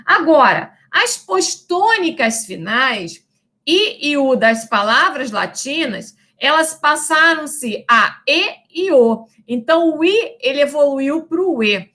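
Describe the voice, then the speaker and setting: Bright, high-voiced woman teaching a lesson. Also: expressive. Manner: didactic, checks in with "né?" and "tá?"; stretches out example words slowly. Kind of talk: recorded lecture.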